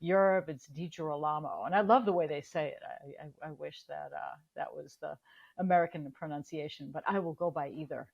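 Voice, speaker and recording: A woman in her forties, a guest physician, explaining things in an animated way with analogies. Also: sits low, a little fast, gravelly, lo-fi sound. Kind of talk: explanatory interview answers.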